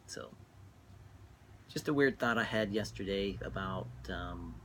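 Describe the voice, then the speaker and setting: Man, middle-aged, lowish voice, smoking while talking, halting casual monologue, noisy background. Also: animated, fairly bright tone. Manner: halting, reflective, trailing off between phrases. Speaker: vlogger. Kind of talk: casual rambling monologue, reminiscing.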